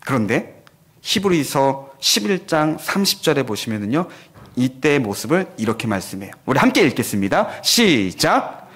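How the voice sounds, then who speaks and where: A man's voice: mid-range voice, moderate pace. A man preaching a sermon at a church prayer meeting. He tells a vivid story and acts out the voices of the people in it. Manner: animated storytelling, acting out quoted voices. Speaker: pastor.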